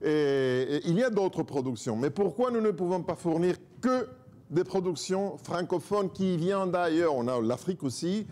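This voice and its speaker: Speaking at normal speed in a high-pitched voice, this man delivers a church talk as a visiting preacher. Spanish is his first language, and he pokes fun at himself with lively, restless energy.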